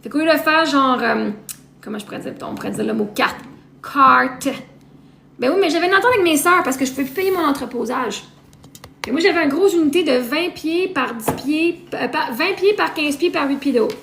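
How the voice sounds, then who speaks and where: A woman with a Québécois accent chats on a live stream in a high, gravelly voice, wandering from item to item and repeating herself as she goes. The sound is roomy and echoey, with a faint hiss under it. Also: expressive, a little fast, fairly bright tone. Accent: Québécois French. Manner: rambling, repeats herself while listing things. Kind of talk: casual live-stream chat. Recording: roomy echo, faint noise.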